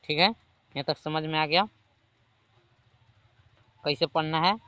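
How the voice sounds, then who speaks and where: Man, Bihari Hindi accent, teacher, repeats rules, bright voice, fairly high. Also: no echo, highs cut off. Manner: slow, repeats rules and checks understanding. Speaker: English teacher. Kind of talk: spoken English lesson.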